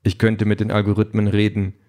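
A man voicing a calm, literal-minded android politician with a flat, matter-of-fact delivery. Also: fairly low pitch, a little fast, close to an everyday voice.

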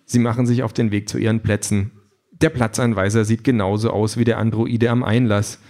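A man with a low voice reads a comic story aloud as audiobook narrator. His storytelling is dry and even, with scripted delivery. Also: fairly quick.

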